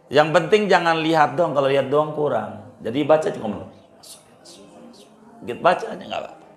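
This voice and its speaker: A middle-aged man, a cleric giving informal religious advice, repeating phrases for emphasis and jumping in pitch. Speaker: Islamic cleric.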